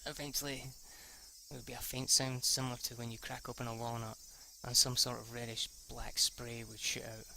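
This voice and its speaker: Brisk and mid-range, this man's voice has little pitch movement, some vocal fry, and a pushed, bright quality, with a little hiss or hum in the recording. He reads a visual novel aloud as an amateur let's player, stumbling, restarting, rereading lines, and swearing casually in off-the-cuff reactions.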